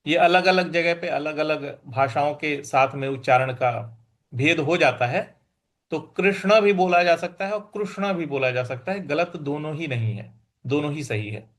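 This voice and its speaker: Guy teaching scripture recitation, high voice, super slow, repeats words over and over. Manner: slow, deliberate, repeats each word and sounds it out; chants verses in a sing-song. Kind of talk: recitation and pronunciation lesson.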